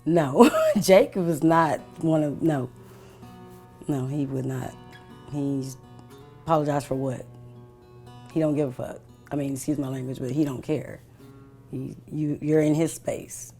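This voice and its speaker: A woman's voice: sits low, unhurried, pauses often, warm tone, soft background music. A woman telling a family story in a documentary interview, talking casually and bluntly and swearing freely. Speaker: interviewee, cousin of the prisoner.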